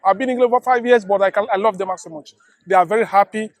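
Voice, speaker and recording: A middle-aged man with a Nigerian accent speaks at a very rapid clip in a high-pitched voice. He is emphatic and repeats himself as he gives casual interview answers. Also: no echo. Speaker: interviewee, delivery worker.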